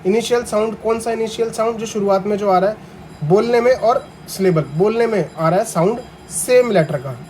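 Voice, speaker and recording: A young male teacher with a high, mellow voice, reading each definition slowly and then explaining it casually. He spells the tricky words letter by letter and asks the class questions. Faint noise sits under the recording. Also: poor audio. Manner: reads English definitions slowly, then explains them conversationally. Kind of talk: vocabulary lesson for exam aspirants.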